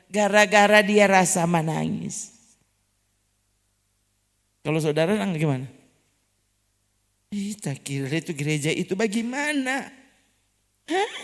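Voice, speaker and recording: A woman pastor with a Manado accent preaches in a church, telling a story in a lively way. Her voice climbs sharply in pitch and volume at the key moments. The sound carries a long reverb from the hall. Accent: Manado Malay. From North Sulawesi, Indonesia. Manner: lively storytelling with sudden rises in pitch and loudness. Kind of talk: storytelling sermon.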